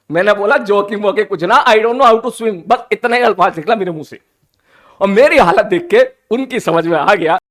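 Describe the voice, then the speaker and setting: A man, telling a funny personal story in a playful, animated, teasing way, like a teacher chatting with his class. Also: sits high. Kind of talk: casual storytelling.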